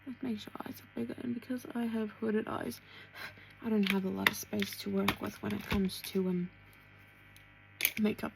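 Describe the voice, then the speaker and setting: Gravelly-voiced woman doing a makeup vlog. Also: mid-range voice, level tone, normal speed, long pauses, noisy background. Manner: chatty, talking to herself while applying makeup, drops to soft asides. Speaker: beauty vlogger. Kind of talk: casual makeup tutorial.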